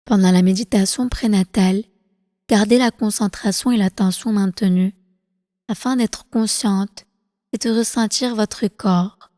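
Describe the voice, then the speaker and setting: This is a woman's guided prenatal meditation, a yoga nidra session, delivered in a mellow, soft voice of medium pitch. Her unhurried, deliberate and calm phrasing soothes like an instructor's. The studio sound is clean, and a long reverb trails after her words.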